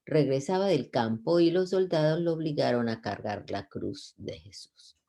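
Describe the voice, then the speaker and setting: A man reads scripture aloud in a mellow, gravelly voice. He stumbles over words at times and goes back to correct himself, keeping a plain, unhurried tone. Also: on the high side, expressive. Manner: unpolished reading with slips and self-corrections. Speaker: Bible reader.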